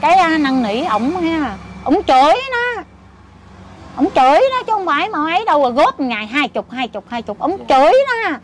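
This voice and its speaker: Older woman, Southern Vietnamese accent, high voice, emphatic storyteller, street noise. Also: very animated, moderate pace. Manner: chatty, emphatic storytelling with exclamations. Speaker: interviewee, lottery ticket seller's mother-in-law. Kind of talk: casual conversation.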